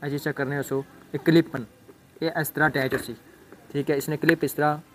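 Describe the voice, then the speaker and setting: Young man, slightly high voice, casual rambling demo, outdoor phone recording, faint background noise. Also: flat delivery, brisk, fairly bright tone. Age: young adult. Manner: rambling, repeats "thik ai" and "check karne aan". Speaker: motovlogger. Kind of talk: casual unboxing and setup demo. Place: outdoors on a rooftop, then a roadside.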